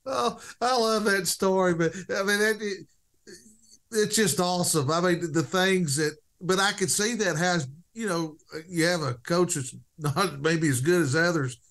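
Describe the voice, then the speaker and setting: A podcast host with a high-set male voice leads a casual chat with a guest. His questions ramble, and he sounds keenly enthusiastic about his guest's story. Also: unhurried, a bit bright.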